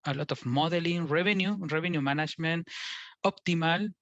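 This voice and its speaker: Guy from chile presenting at a conference, kinda high voice, stops and repeats himself, dry close sound. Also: a bit bright, no echo, dull audio. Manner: halting, repeats words, non-native phrasing. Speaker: invited speaker. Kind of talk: conference talk.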